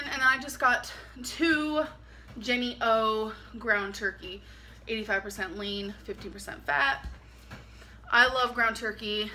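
A woman's voice: fairly high pitch, pushed and bright, slight background noise. A woman in her twenties chatting casually through a grocery haul in her home kitchen late at night, tired and giggly. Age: 20s. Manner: chatty, giggly, talks while unpacking items. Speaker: vlogger.

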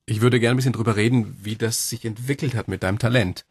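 Fast-talking, slightly husky male interviewer. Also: lowish voice, steady tone, dry recording. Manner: engaged, follows up eagerly, informal. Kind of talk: conversational interview.

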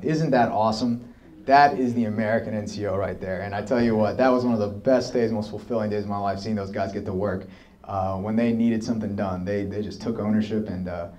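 A young man in his twenties with a mellow, warm voice tells stories from his army service to an audience. He talks lively and casually, and acts out the lines of the people he quotes. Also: fairly low pitch. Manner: lively anecdotal storytelling, acts out quoted dialogue. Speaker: army officer giving a talk. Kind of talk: storytelling talk to an audience. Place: hall with audience, showing slides.

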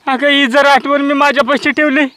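A man's voice: very high voice, level tone, moderate pace, pushed and bright, no echo. An actor playing a lovesick village man driven mad by lost love, pleading and repeating her name in a Marathi comedy sketch. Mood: tender, grieving.

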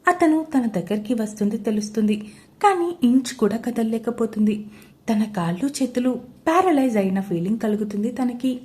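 A woman storyteller giving a scripted narration of a romance story in a steady, even reading. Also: fairly high pitch, normal speed.

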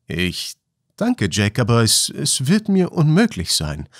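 A man's voice: mid-range voice, huge pitch swings, slow, dry recording, clean studio sound, exaggerated voice. A man voicing an earnest young male miner who speaks plainly, in a storybook reading.

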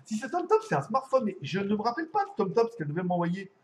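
Chatty, high-voiced French-speaking man on a live stream. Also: sing-song, quick pace, background noise. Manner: rambling, laughs often, swears casually. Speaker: tech reviewer hosting a live stream. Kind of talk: casual live stream chat.

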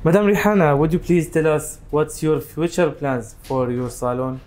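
A man's voice: on the high side, lively intonation, a little mellow. Upbeat male TV interview host. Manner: upbeat, repeats "amazing", fast formal Arabic intros. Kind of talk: TV business interview.

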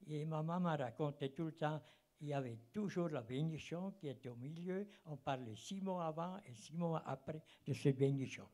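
This slightly high, mellow male voice moves at a normal speed. It belongs to an octogenarian former travelling projectionist from rural German-speaking Fribourg in Switzerland, whose French carries a Swiss German accent. Seated among the audience in a cinema auditorium, he holds a microphone and wanders through memories at a public round table, often hunting for the right word.

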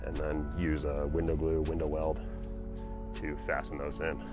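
A man's voice: rumbling low, completely flat delivery, moderate pace, over loud music. A man casually walking through his camper van build, explaining plans in a plain, practical way. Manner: plain, practical, talks while pointing things out. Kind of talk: casual walkthrough narration. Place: inside a cargo van in a workshop.

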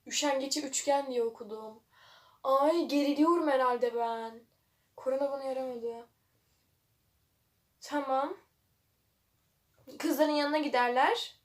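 For a vlog, a young woman reads a web novel aloud in a high-pitched voice at a measured pace, pausing often. She keeps interrupting herself with mocking remarks and lots of laughter.

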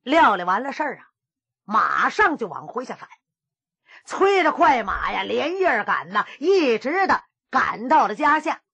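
A woman's voice: on the high side, sing-song, a little slow, creaky, sharp tone, husky, no room sound. A woman storyteller performing a traditional pingshu tale with dramatic exclamations and vocal sound effects.

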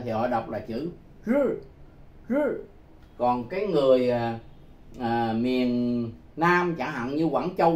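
Slow, lively-pitched male teacher. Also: reverberant. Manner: deliberate, repeats key words, frequent "à" fillers. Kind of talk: explanatory lesson.

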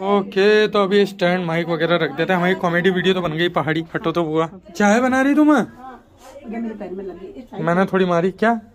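A man's voice: sits high, normal speed. A man vlogging at home, chatting casually and cooing at his dog in baby talk. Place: family home. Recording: background music under the voice.

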